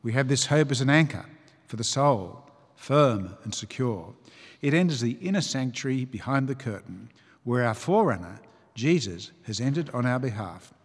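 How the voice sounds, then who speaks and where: Male reader, mid-pitched, measured scripture reading with expressive quotes, echoing church sound. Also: husky. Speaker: Bible reader. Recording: long reverb of a church.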